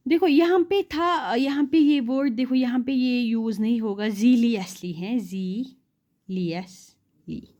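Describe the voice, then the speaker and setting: A woman teaching shorthand in a classroom-style lesson, asking rhetorical questions and repeating words slowly. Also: high-pitched, warm tone. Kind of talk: classroom lesson explaining rules.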